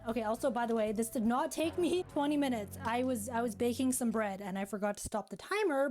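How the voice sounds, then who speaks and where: A woman's voice: fairly high pitch, darkish tone. A young woman giving a chatty, giggly, self-mocking voiceover for her vlog. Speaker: vlogger.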